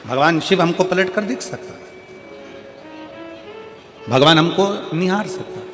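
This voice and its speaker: A man's voice: high-pitched, unhurried. A man from central India preaching a devotional sermon to a live crowd, repeating each point and asking the listeners questions. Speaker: religious storyteller. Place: large live religious gathering. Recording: long reverb from a large venue PA with music behind.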